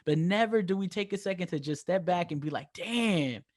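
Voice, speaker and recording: Co-hosting a casual podcast interview, this Bronx-accented New Yorker has a high-pitched voice and talks at a normal speed without echo. His enthusiasm shows, and he repeatedly checks in by asking "right?"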